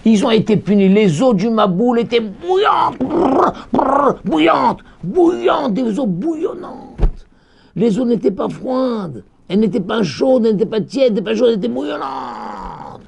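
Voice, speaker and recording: A man teaching as a rabbi, telling a story with lively delivery and acted-out cries. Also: normal speed, creaky, husky. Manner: animated storytelling, acting out cries with sudden high shouts. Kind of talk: Torah lesson.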